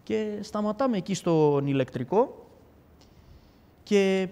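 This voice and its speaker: A man with a fairly high voice tells a personal testimony in a casual, animated way. He acts out the back-and-forth of his story. His voice rings out with a long hall reverb. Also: clean tone. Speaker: guest giving a testimony.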